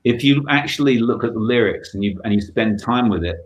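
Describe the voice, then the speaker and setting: A man's voice: medium pitch, fairly quick, low-quality recording. A man being interviewed as a musician, talking in a reflective, thoughtful way over a video call, often restarting his sentences. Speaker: guest musician. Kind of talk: casual interview chat.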